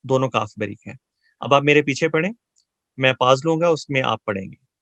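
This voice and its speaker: A man teaching Quran memorization, explaining pronunciation in earnest, repetitive coaching and reciting verses slowly for students to repeat. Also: medium pitch, a bit bright, no echo, lo-fi sound. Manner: slow drawn-out chanted recitation between explanations; earnest, repetitive coaching, asks and answers his own questions.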